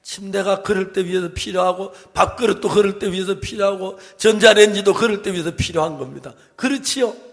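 Older male preacher, high, booming hall. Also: a little fast, gravelly. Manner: emphatic, shifts between loud exhortation and quiet asides; frequent rhetorical check-ins to the congregation. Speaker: pastor. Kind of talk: sermon.

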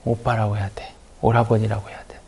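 남자가 연기하는 불안한 족장 남편, 낮게 속삭임, 거친 목소리, 설교 속 재연. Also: male voice, medium pitch, normal speed, creaky, slightly rough. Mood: anxious hushed. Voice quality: hushed, conspiratorial whispering. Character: anxious scheming patriarch husband, middle-aged.

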